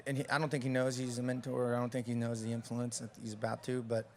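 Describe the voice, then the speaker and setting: A man's voice: medium pitch, little pitch movement, fast. A young man from Mexico, a musician guest chatting casually in an interview in front of a studio audience, laid-back and slangy with many restarts.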